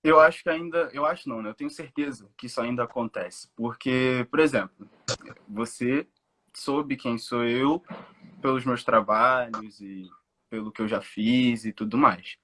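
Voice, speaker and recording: A man's voice: medium pitch, moderate pace, bright, forceful tone, a little hiss or hum. A young man from São Gonçalo with a Rio de Janeiro accent, an actor telling a story in an interview and acting out the dialogue. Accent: Rio de Janeiro Portuguese. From Brazil, São Gonçalo. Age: young adult. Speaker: actor guest.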